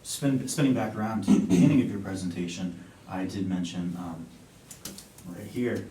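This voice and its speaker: A young man with a deep voice talks as a client in a role-play conversation. He is deliberate and playfully emphatic, recorded away from the mic in a roomy space with faint noise. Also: warm tone. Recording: echoey room, distant mic, faint rumbling noise.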